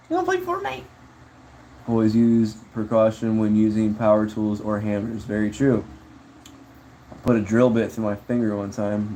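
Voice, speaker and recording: A man's voice: lowish voice, mellow, slight background noise, rough recording. A man chatting casually on a livestream, rambling laid-back about viewer comments and calling people bro and dude. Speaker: streamer.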